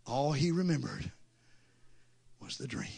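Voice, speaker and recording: A man preaching a revival sermon to a congregation, impassioned and building to shouts with repeated refrains. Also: medium pitch, lively intonation, a little slow, creaky, slightly rough. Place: church service before a congregation.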